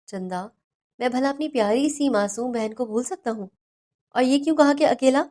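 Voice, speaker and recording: A man's voice: very high voice, a little mellow. A woman voicing a caring older brother who talks fondly and teasingly to his younger sister on the phone in a storybook reading. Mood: affectionate.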